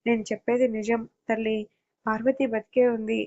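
A woman's voice: fairly high pitch, flat delivery, normal speed, darkish tone, close to an everyday voice. A woman reading the lines of an injured older man who insists in an earnest way in a storybook audio tale. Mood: insistent. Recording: dull lo-fi audio.

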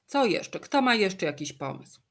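A woman giving an online training lecture, explaining calmly with fillers, asides and questions to the participants. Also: medium pitch, a little slow.

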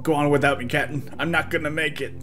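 A man's voice: fairly high pitch, steady tone, fast talker, a bit bright, soft background music, close to an everyday voice. A man voicing a wounded crewman who gasps out brave words in a melodramatic way, reading game dialogue. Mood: dying, noble. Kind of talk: playful read-aloud of game dialogue.

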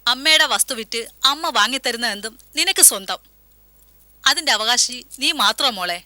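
A woman's voice: a little high, expressive, brisk, pushed and bright, slight background noise. An actress playing a mother who soothes and reassures her daughter in a motherly tone, in a TV serial. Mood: reassuring. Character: doting, reassuring mother of the bride. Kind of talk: TV serial acting.

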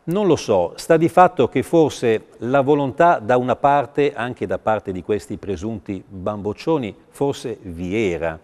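A man's voice: mid-range voice, measured pace, hardly any pauses, a little mellow. Older man commenting with long reverb. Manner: discursive, many hesitations, ironic. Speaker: news commentator. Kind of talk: studio opinion commentary. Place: TV news studio.

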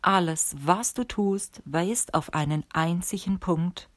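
A woman reading the lines of a calm, stern old male sorcerer teacher in a measured, instructive way for an audiobook. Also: on the low side, dry recording.

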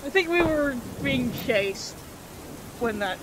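A woman's voice: high-pitched, animated, slow, crowd noise, low-quality recording. A woman chatting casually with friends while watching a multiplayer horror game, steering the group through the map. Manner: directs teammates, talks through the map. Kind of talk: casual gaming chat.

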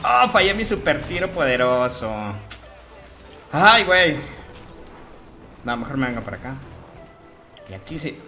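A gaming streamer with a Mexican Spanish accent narrates his own gameplay live, joking, cursing and letting out sudden excited yelps. His bright, forceful voice swings widely in pitch, yet he speaks unhurriedly with long pauses. Faint game music plays in the background.

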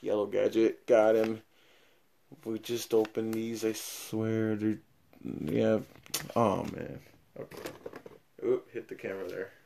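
A young man reviews collectible cards while unboxing them, rambling and thinking aloud as he opens packs. His voice is lowish, slow and mellow, with vocal fry, long pauses and little pitch movement. Filmed at an awkward angle on the camera mic, the level drops in and out as he moves around, and there's a bit of hiss or hum.

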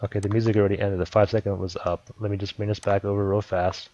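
A man casually explaining a video editing program step by step, in a relaxed way. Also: on the low side, fast, highs cut off. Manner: relaxed step-by-step explaining, repeats "let me go ahead". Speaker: software tutorial host. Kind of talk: casual screen-recording tutorial.

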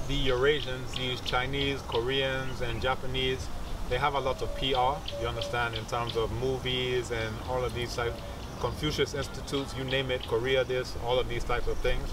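Recorded from a distance, a medium-pitched man in his thirties gives an informal interview, explaining as a teacher and adding asides. He works as a researcher and teaches martial arts. The outdoor setting among trees and bushes brings insect and traffic noise.

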